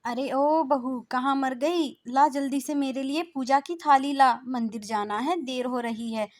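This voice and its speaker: A woman's voice: mid-range voice, moderate pace, lightly acted. A woman voicing a bossy older mother-in-law who scolds and gives orders. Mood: scolding. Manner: commanding, scolding.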